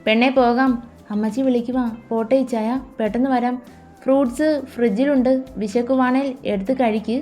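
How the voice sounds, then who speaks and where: Woman doing devoted wife, high, pleading, emotional; soft music faint behind. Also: steady tone, brisk, lightly acted. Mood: tender. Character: middle-aged wife, tender and pleading.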